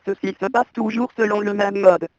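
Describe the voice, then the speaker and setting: A man's voice: high-pitched, little pitch movement, a little fast, no room sound. A synthesized male voice reading stiffly, on dull lo-fi audio. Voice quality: synthetic, robotic.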